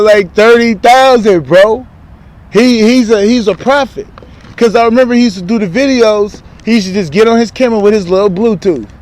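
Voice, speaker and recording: A man talking in a casual spiritual vlog, rambling and candid, full of profane street slang, recorded outdoors. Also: high-pitched. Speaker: spiritual vlogger.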